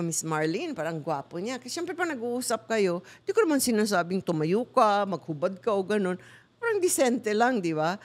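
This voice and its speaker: A middle-aged woman with a Filipino accent hosting a talk show, chatting casually in Tagalog and English. She tells stories with lots of laughter and often jumps up into high voices when she quotes people.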